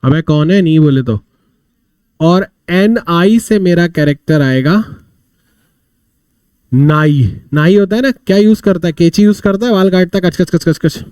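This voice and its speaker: A man's voice: high-pitched, a little slow, pauses often, darkish tone, clean tone, dry recording. A man teaching a vocabulary class, telling little stories to explain words and asking and answering his own questions. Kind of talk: live online vocabulary class.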